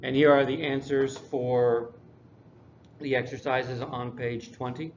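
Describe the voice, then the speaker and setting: A man teaching English and reviewing a textbook unit in a relaxed way, with dry classroom humor. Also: mid-range voice, slow pace. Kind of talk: recorded lesson review. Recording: dull lo-fi recording, faint noise.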